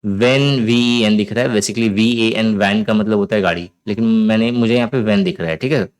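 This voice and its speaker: A man's voice: fairly low pitch, steady tone, moderate pace, smooth. A man with an Indian accent teaching vocabulary with memory tricks, in a casual, chatty way that often checks the listener follows. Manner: casual, chatty explaining with frequent "theek hai?" checks.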